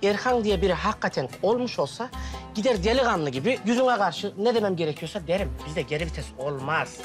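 A man's voice: high-pitched, expressive, a little fast. An actor playing a lovesick, hot-headed young man who complains dramatically in a sitcom. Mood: complaining. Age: young adult. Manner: dramatic, exaggerated, whiny outbursts. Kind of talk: TV sitcom acting. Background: background music.

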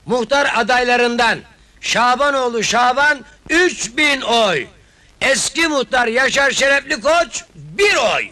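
An actor playing a vote counter who calls out tallies and results in a loud, formal way. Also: male voice, very high voice, lively intonation, slow, heavily acted. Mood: announcing. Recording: noisy old film scene with crowd.

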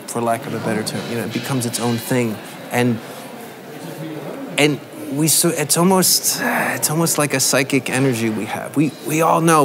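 Male band member, reflective backstage interview, mid-pitched, crowd audible. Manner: reflective, thinking aloud with restarts. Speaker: band musician. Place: backstage room with curtains.

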